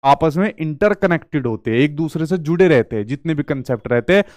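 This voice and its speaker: A man's voice: on the high side, expressive, fast talker, darkish tone, dry recording, studio quality. A male teacher giving an exam-prep lecture, asking and answering his own questions as he explains.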